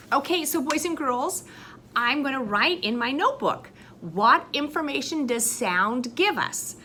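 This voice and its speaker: Recorded during a lesson, a woman teaches first graders, speaking slowly and in a sing-song way to the children. Her voice is loud and sits high.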